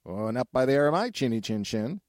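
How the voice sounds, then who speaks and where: A man voicing a small, cheeky male piglet with squeaky, high exclamations. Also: big pitch swings, a little fast, a little mellow, no echo, clean studio sound, close to an everyday voice.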